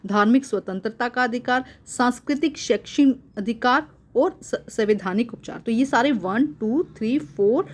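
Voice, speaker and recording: A woman's voice: on the high side, normal speed, few pauses. A woman teacher goes through a school worksheet, reading each point and then explaining it again in simple words, mixing in English terms.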